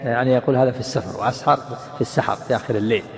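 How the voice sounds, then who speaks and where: A man who, as a religious teacher, explains a text line by line in a measured way and repeats phrases to make them clear. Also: medium pitch. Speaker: sheikh teaching a hadith class. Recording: reverberant hall, faint background hiss.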